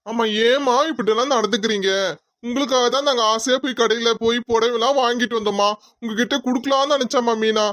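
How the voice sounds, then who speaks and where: Man doing a high, quick cartoon husband. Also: fairly even intonation, fairly bright tone, no echo, clean studio sound. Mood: earnest. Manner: pleading, reassuring. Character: earnest young husband, loyal to his wife.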